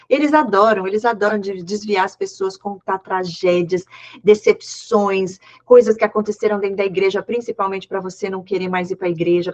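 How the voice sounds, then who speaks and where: A woman, a therapist hosting a conversation, telling stories in an animated way and acting out what others said. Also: mid-range voice. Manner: animated storyteller, quotes people in acted asides. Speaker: therapist and channel host. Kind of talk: live conversation about toxic friendship. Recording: dull lo-fi sound.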